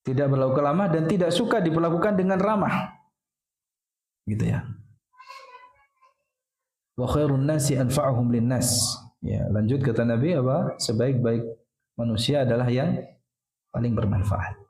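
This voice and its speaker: Lively intonation marks this man's slightly mellow, mid-range voice as he preaches at a moderate pace, often pausing. In a reverberant mosque hall, he explains by questioning and answering himself, with plenty of "ya."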